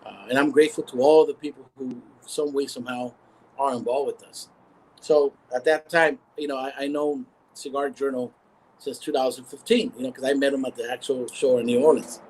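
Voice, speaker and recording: A man of medium pitch, speaking over a video call with a faint hiss behind him. He tells his stories with animation, stumbling and restarting phrases as he goes. It is relaxed, casual storytelling. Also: brisk, poor audio. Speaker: cigar company founder. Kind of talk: casual storytelling in a live interview.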